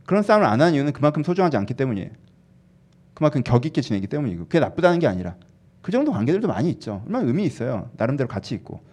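A man preaching a sermon as pastor, conversational and animated, often asking the congregation to agree. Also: medium pitch, slightly rough. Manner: animated, acts out sulky dialogue in quick voices; conversational, asks the congregation "right?".

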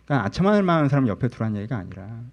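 A man's voice: medium pitch, very fast, lo-fi sound. Candid, conversational male preacher. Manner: candid, personal, drops to soft murmurs and rises to animated emphasis. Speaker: pastor. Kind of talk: conversational sermon.

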